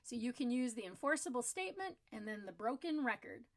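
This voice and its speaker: A woman's voice: fairly high pitch, very animated, fairly quick. A middle-aged woman giving parenting tips as the host of her own advice channel, talking casually to the camera in an earnest, explanatory way and repeating words for emphasis.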